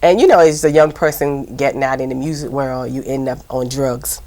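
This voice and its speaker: A woman with a Southern accent talks in a very deep register with a gravelly edge. She chats casually as a guest, circling back on herself with lots of "you know" and "um.". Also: brisk, dark tone. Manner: chatty, rambling, many fillers. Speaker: TV host and producer, guest. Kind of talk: casual interview chat.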